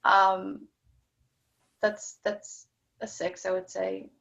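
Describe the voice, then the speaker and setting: A woman in a tapping demonstration repeats phrases and hesitantly recalls a childhood memory, stumbling and restarting in a soft voice. She speaks extremely slowly with a creaky, mid-range voice and little pitch movement, and the recording sounds dull and lo-fi.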